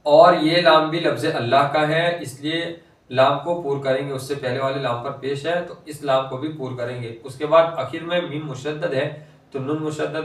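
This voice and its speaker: Male tutor, slightly high voice, slow drawn-out recitation between explanations, roomy distant sound. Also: fairly bright tone. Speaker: Quran reading teacher. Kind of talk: recitation lesson explaining pronunciation rules. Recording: echoey room, voice from a distance.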